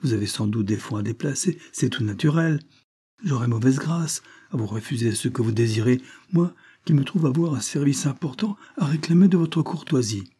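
A man reading aloud, voicing a smooth foreign gentleman who plays a naive count, effusive and ingratiating. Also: medium pitch, animated, normal speed.

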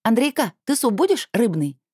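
A shrill, whiny teenage girl, put on by a woman reading a story, lovestruck and quick to take offence. Her high voice leaps about with plenty of swing. The sound is close and dry. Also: very animated, dark tone, breathy edge, no room sound. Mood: eager.

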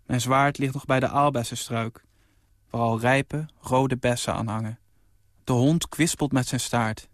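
A man in his twenties reading his own short story aloud on radio, in a calm and even storytelling voice. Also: medium pitch, a little slow, no echo, clean studio sound. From Netherlands. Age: 20s.

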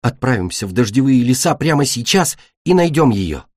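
A man's voice: medium pitch, big pitch swings, moderate pace, a little mellow, husky, no echo, studio quality. A man voicing a loyal, good-natured young male earth dragon who talks indignantly.

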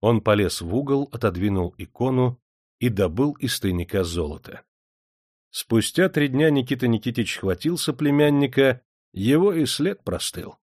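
A man's voice: medium pitch, lively intonation, moderate pace, darkish tone, dry recording, studio quality. A man narrating a historical novel as an audiobook reader. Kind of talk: scripted narration.

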